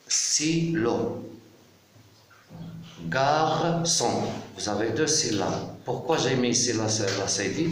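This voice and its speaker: A male teacher works through a pronunciation lesson at an unhurried pace, carefully breaking words into syllables and repeating them. The room around him rings with strong echo, and a faint hiss of noise sits underneath. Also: on the low side.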